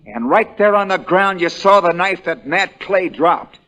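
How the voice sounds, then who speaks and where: A male actor in a 1940s radio drama plays a shrewd, folksy country defense lawyer who is relentless in cross-examination. His American voice is expressive, unhurried, pushed and bright, with a swooping pitch and heavy acting. He opens with drawling, folksy understatement that builds into hammering, fierce, accusing attack.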